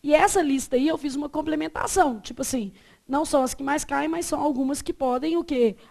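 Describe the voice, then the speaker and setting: A Brazilian woman teaching a Portuguese class, quizzing her students and drawing words out slowly to show how they are said. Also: high voice, gravelly. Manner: lively, asks the class questions and answers them herself; stretches words out slowly to model pronunciation. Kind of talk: classroom lecture.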